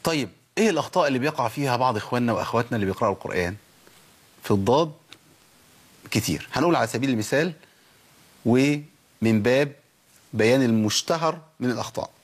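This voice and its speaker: Egyptian guy teaching tajweed, talks quick, stretches out sounds to show them, keeps asking if you're following. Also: mid-range voice, expressive, husky. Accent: Egyptian Arabic. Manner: drills pronunciation, drawing sounds out slowly and asking listeners questions. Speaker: Quran recitation teacher. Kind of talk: tajweed lesson on a program.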